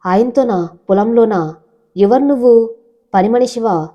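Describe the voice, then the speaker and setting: A woman's voice: on the high side, a little slow, lo-fi sound. A woman voicing a proud young male corporate CEO in a storybook, commanding and curt. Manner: commanding, demanding.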